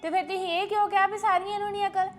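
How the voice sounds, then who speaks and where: A woman playing a quarrelsome, sharp-tongued young wife in a family drama. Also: very high-pitched, little pitch movement, faint music behind. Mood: indignant. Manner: fast, sharp and retorting.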